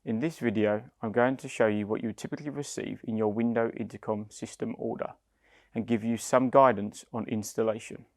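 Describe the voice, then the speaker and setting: A man with a lowish voice speaks in a steady tone at a slightly fast pace, recorded dry with clean studio sound. He's a company head of client development acting as instructor, reading a scripted product narration that plainly explains each step.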